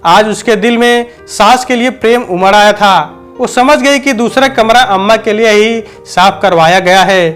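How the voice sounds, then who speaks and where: A man reading a family story aloud as storyteller, in a steady, even narration. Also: sits high, normal speed, hardly any pauses, soft background music.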